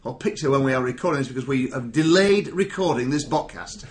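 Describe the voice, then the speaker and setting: A man hosting a business podcast, talking in a loose, rambling way full of fillers. His voice sits at an ordinary pitch, with a faint hiss behind it. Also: lively intonation, a little fast. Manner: chatty, rambling with many fillers. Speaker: podcast host. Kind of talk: casual podcast chat.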